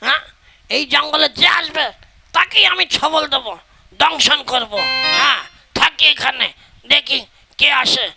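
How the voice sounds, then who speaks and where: A man doing a shrill gravelly spiteful snake. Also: a little slow, long pauses, heavily acted. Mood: menacing. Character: spiteful male forest snake, hates humans. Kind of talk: folk puppet-show acting. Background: loud folk music.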